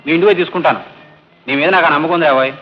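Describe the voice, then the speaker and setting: An actor playing a scheming, smooth-talking man posing as a palm reader in an old film comedy. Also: a little high, natural voice. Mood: sly. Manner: coaxing, teasing, fast patter. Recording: dull lo-fi old film soundtrack.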